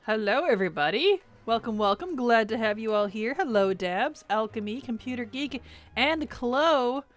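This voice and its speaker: A woman's voice: a little high, animated, moderate pace. A woman streamer greeting chat casually, laughing often and muttering to herself while she fixes settings. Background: faint music.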